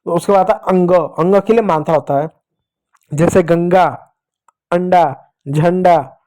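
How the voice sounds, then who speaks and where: Playful high-voiced male teacher. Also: unhurried, a little mellow. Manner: playful, repeats "pyare bachchon", acts out cries to teach sounds. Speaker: teacher of young children. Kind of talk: children's Hindi reading lesson.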